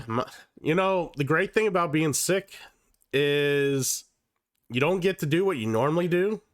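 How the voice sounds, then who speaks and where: A sick man with a nasal sound hosts a casual livestream, talking profanely with lots of fillers and restarts. His slightly high voice is expressive and unhurried, recorded dry with clean studio sound.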